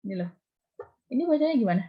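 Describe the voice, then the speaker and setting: A husky-voiced woman leads a math lecture over a video call, explaining terms and prodding students with repeated questions. Her voice comes through a muffled, dull online call. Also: fairly high pitch, lively intonation, very fast. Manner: questions students, coaxing and scolding. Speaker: university lecturer.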